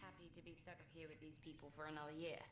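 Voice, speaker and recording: A woman's voice: low-pitched, little pitch movement, racing, close to an everyday voice. An actress playing a dry, skeptical woman crew member on a space station in natural video game dialogue. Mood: wry, flirty. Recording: echoey room with clear background noise.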